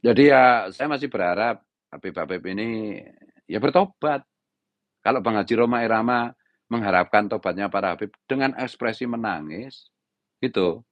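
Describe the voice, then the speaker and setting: A middle-aged man with a Javanese accent, an Islamic preacher delivering an impassioned monologue in a harsh, raised-pitch scolding tone, often tagging lines with a filler phrase. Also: normal speed, pauses often, a bit bright, no echo. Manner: repeats "gitu loh" as a tag. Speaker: Islamic preacher giving commentary.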